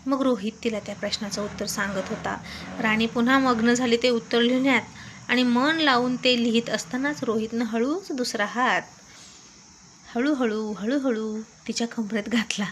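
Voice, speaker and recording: A woman storyteller reading a scripted story in an even, descriptive way, with faint background noise. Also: on the high side, normal speed. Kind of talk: scripted narration.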